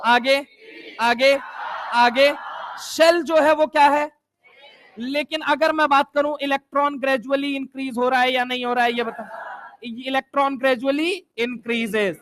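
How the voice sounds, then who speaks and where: A young man teaching chemistry in a lively classroom lecture, firing repeated questions and teasing his students. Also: very high-pitched. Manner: repetitive call-and-response questioning.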